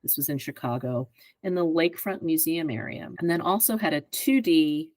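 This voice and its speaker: A woman in her fifties, a guest on a podcast, explaining her work in a measured way and often checking in with "right?". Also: deep voice, darkish tone, no room sound, poor audio. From greater Philadelphia area. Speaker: advertising executive guest. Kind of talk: podcast interview answers.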